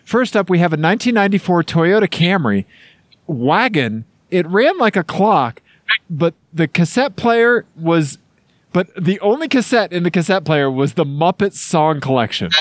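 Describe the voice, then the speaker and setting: A man with a Missouri twang co-hosts a casual podcast in a somewhat high voice. He chats in a jokey way, and the sound is dry and close. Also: very animated, moderate pace, no room sound. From Missouri, United States. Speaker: podcast co-host. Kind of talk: casual chat.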